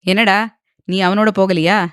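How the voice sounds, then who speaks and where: A woman's voice: medium pitch, steady tone, normal speed, smooth, no room sound, close to an everyday voice. A woman voicing a bossy, teasing grandmother. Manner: scolding, joking.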